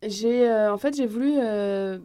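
A woman's voice: on the high side, measured pace, clean tone. A woman in her thirties from the Paris region with a Parisian accent, chatting as a guest with many fillers. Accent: Parisian French. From Paris region, France. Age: 30s. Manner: relaxed, hesitant, many fillers. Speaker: guest, hip-hop event organizer. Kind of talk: casual interview.

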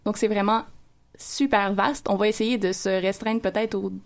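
A woman's voice: medium pitch, steady tone, normal speed. A woman, a guest on a radio talk show, explaining things thoughtfully with hesitations. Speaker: guest panelist. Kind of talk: casual radio chat.

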